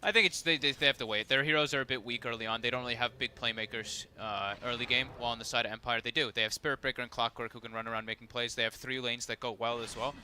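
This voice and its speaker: A man breaking down a live esports match at a rapid clip, with a very bright, sharp voice. He fills his analysis with casual fillers as he explains. A faint hiss sits under the voice. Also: medium pitch, steady tone. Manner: fast, analytical, many fillers like "like" and "you know". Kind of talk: live esports color commentary.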